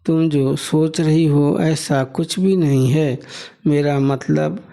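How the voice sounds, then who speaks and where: A man's voice: a little high, steady tone, takes it slowly, gravelly, mellow. Man playing a weary poor husband. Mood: pleading. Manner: soothing, pleading, resigned. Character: poor hardworking young husband, patient and weary. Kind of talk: audiobook novel reading.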